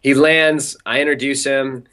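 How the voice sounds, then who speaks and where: A young man tells a story as an interview guest. His delivery is chatty and animated, full of casual filler words. His voice sits at an ordinary middle pitch. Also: a little slow, clean tone. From Southern California.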